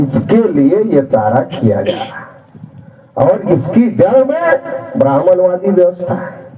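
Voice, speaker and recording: A man speaks at a public rally in an emphatic, storytelling way, voicing short exchanges as he goes. His voice is high and swings widely in pitch, and he talks slowly. The recording is dull and lo-fi, picked up from some distance. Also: darkish tone, roomy sound. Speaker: political speaker. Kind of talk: public political speech.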